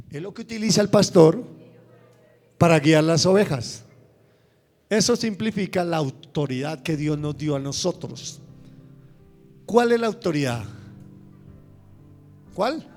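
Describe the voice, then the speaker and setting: A middle-aged man preaching a sermon in a church, swinging from loud preaching to soft confiding asides. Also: on the high side, lively intonation, normal speed, long pauses, faint music behind. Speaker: pastor.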